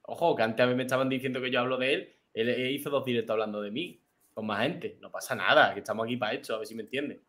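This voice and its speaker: A man's voice: medium pitch, fast. A man hosting a live chat, interjecting and teasing his guests while keeping the discussion moving. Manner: interjecting, teasing, calm-assertive. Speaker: live stream host.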